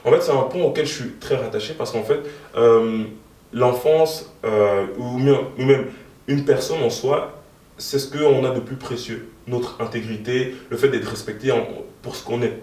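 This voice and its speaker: A man's voice: medium pitch, normal speed, darkish tone. Hesitant young man, echoey distant sound. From moved to Belgium in 2013. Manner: hesitant, many fillers. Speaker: guest, youth party co-president. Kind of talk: interview answers. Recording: echoey room, from far off.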